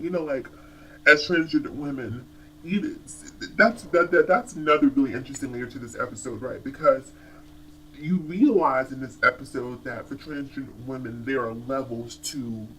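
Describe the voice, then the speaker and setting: A man reviews a TV episode in casual commentary. He is animated and chatty and often circles back to restart a thought. His voice sits at a middle pitch. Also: a little hiss or hum, low-quality recording. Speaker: TV show reviewer.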